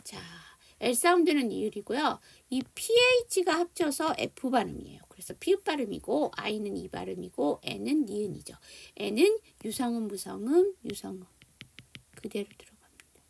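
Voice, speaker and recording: A woman's voice: a little high, sing-song, normal speed, creaky, husky. A woman teaching an online English phonics lesson, explaining spelling and sounds and leading students through repetition drills.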